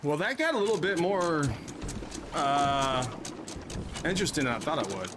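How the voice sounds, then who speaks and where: A man's voice: a little high, very animated, normal speed, background noise. A man streaming a game live, talking casually with viewers, rambling and often restarting his sentences, with hiccups. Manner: rambling, self-correcting, chatty with viewers.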